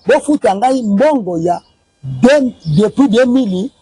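His voice is extremely high yet dark and husky, slow, with lively intonation; the recording is rough but has no room sound. This Congolese man in his forties, miked with a lapel mic outdoors in a courtyard by a building, insistently recounts a family money dispute. He repeats dates and figures and waves documents.

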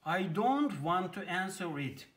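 Turkish male teacher explaining clearly. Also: sits high, big pitch swings. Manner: explains clearly, reads English phrases slowly and brightly. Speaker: English teacher. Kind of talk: lesson.

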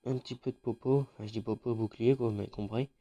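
A gaming YouTuber with a French accent and a head cold commentates a mobile shooter match, his mellow, dark, mid-range voice thick with congestion. He talks fast in a steady tone, chatty and loose, full of fillers and restarts.

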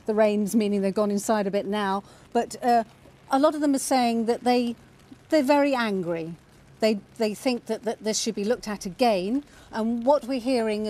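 A woman's voice: a little high, a little mellow. A middle-aged woman correspondent reporting live from a city street, with many hesitations and restarts. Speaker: news correspondent.

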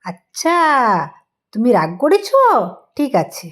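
A woman playing a mother in a doll role-play vlog, coaxing and affectionate, gently scolding. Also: sits high, huge pitch swings, takes it slowly.

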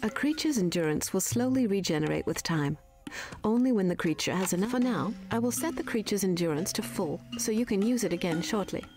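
A calm tutorial guide for a strategy game, acted by a woman. She gives scripted instructions in a measured nature documentary style. Music plays clearly behind her mid-pitched voice. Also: natural voice. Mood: calm, instructive.

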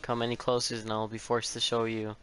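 A man voicing a vain, theatrical killer robot, reading game dialogue in a measured, deliberate way. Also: on the low side, monotone, a bit bright, slight background noise, natural voice. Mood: menacing, showy.

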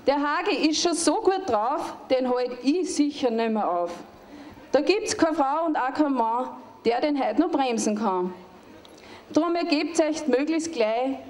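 A woman's voice: sits high, darkish tone. Woman reciting teasing verse. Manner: teasing, demanding. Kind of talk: reciting rhyming verse to a crowd.

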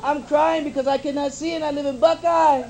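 A man voicing a crying blind man, explaining slowly in a stand-up bit. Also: very high-pitched, level tone, darkish tone, a little hiss or hum. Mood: mournful.

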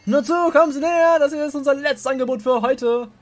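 A man voicing an excited market auctioneer in a video game, calling out loudly for bids. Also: very high-pitched, quick pace, soft background music, voice pushed up. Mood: rousing, loud. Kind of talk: video game dialogue read aloud.

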